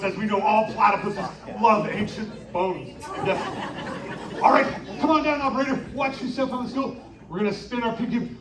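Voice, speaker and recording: A man performing a live interactive story show at a winter carnival, coaxing the audience into shouted call-and-response. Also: extremely high pitch. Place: outdoor winter carnival stage. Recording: echoey, distant live recording with crowd.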